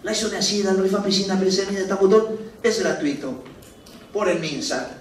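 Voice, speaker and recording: A high-voiced man lectures medical students in a lively, joking way, mimicking patients as he goes. He is captured from some distance in a large, echoey room with a faint hum of ambience. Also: fairly quick. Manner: animated, acts out patients' complaints with laughs. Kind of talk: classroom lecture. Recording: roomy distant classroom recording.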